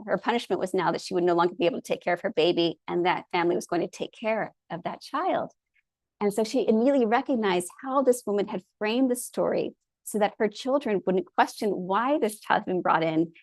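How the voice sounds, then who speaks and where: An earnest woman with a mid-pitched, slightly mellow voice delivers a storytelling lecture, openly enthusiastic as she speaks. The recording is close and dry, with no echo from the room.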